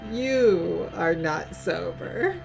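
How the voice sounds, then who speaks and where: A woman's voice: lowish voice, expressive, very slow, vocal fry, a little mellow, soft background music, voice pushed down, heavily acted. A woman voicing a tipsy teenage girl at camp, reading her lines in a drawling, slurred voice. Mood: wry.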